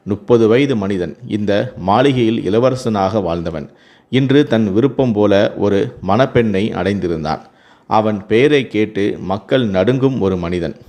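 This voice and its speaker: A man tells a dramatic family story as a first-person storybook narration. His voice sits fairly low and he reads in a steady, earnest way.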